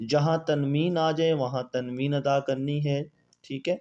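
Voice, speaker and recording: A man teaching a Quran reading lesson, drawing out the spelling of Arabic letters in a chanting tone between brisk explanations and asking and answering his own questions. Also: fairly high pitch, fairly even intonation, darkish tone, highs cut off.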